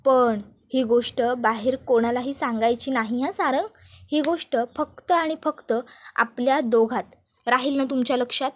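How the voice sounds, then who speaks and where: A woman's voice: high voice, steady tone, moderate pace. A woman voicing an arrogant, scheming young wife who taunts and orders the family around. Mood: sweet, sly. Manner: taunting, commanding, shouting insults.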